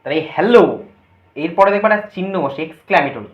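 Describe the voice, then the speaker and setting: A woman's voice: fairly low pitch, expressive, fast talker. A woman teacher explaining a grammar lesson, asking her students questions and then answering them herself. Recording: echoey, dull lo-fi room recording.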